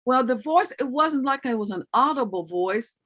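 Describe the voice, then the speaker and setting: A woman's voice: on the high side, expressive, normal speed, a bit bright. A middle-aged woman giving an earnest personal testimony as an interview guest, acting out remembered dialogue as she tells it.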